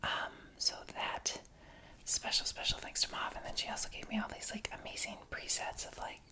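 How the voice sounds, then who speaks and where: A woman whispering an informal, rambling ASMR chat close to the microphone, with halting asides. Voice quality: soft unvoiced whisper. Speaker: ASMR video creator. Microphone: close external microphone plugged into phone.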